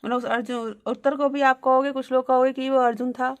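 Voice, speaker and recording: A woman's voice: sits high, flat delivery, a little fast. A woman teacher reading Sanskrit verses aloud, then translating and explaining them line by line.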